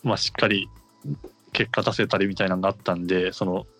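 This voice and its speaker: A man's voice: deep voice, little pitch movement, quick pace, a bit bright, faint music behind. A man with a Kansai accent talking casually and explaining things in a conversational way. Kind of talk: casual chat.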